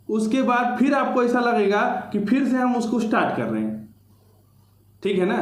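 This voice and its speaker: A man's voice: high-pitched, reverberant. A man teaching a grammar lecture to exam students, explaining step by step and repeating key points.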